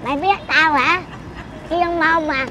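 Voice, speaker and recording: A woman's voice: sits high, a little slow, background noise. A woman in her eighties chatting casually outdoors, blunt and teasing as she scolds the person she talks with. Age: 80s. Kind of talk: casual chat.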